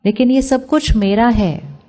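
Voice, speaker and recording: A woman's voice: fairly high pitch, a little slow, dark tone. An Indian woman giving a spiritual talk to a live audience, asking them questions and mixing English phrases into her speech. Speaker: spiritual speaker.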